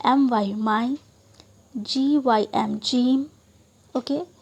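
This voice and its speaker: A woman's voice: a little high, creaky, darkish tone, slightly rough. A woman teaching English phonics in Hindi, spelling out letters and modeling each vowel sound with frequent okays. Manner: slow, deliberate delivery with many okays.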